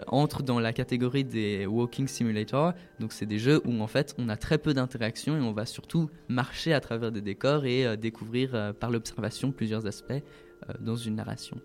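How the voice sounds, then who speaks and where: A man's voice: mid-range voice, moderate pace, a little mellow. A man explaining video games in a casual talk, hesitant, with many fillers and restarts. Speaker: guest presenting a video game event. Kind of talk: casual radio chat.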